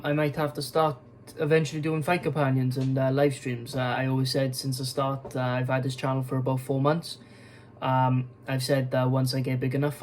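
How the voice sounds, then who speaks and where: Young guy rambling about fight news, tired, swears a lot, pretty monotone, bit of hiss behind. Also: medium pitch, low-quality recording. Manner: rambling, swears often, many fillers and restarts. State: yawning, tired. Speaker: MMA YouTuber. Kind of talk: casual news commentary vlog.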